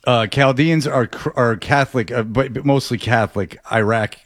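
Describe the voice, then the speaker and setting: A man co-hosting a casual sports talk show, animated and quick with asides. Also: mid-range voice, dry recording. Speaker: sports radio host.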